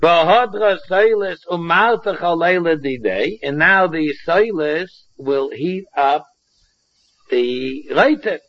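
A dull, slightly muffled recording of a man with a Yiddish accent. His voice sits a little high. He teaches a religious text step by step, often stopping and restating a phrase before moving on. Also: expressive. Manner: halting, repetitive, restating phrases as he explains. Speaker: Talmud teacher. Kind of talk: religious text lesson, explaining line by line.

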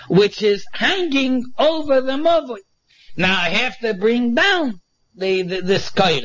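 A muffled, low-fidelity recording of a male Talmud teacher with a Yiddish accent. His voice sits quite high for a man. He explains informally, one step at a time, restating phrases with emphasis. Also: a bit bright. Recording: dull, muffled lo-fi audio.

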